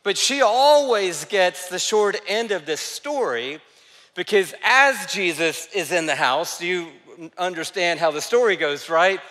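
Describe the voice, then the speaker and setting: A male pastor delivers a sermon with animated storytelling and slows to a hush when quoting. His voice is bright and pushed forward, pitched a little high for a man. It carries a long reverb from a large hall. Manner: animated storytelling, dropping soft for quoted lines.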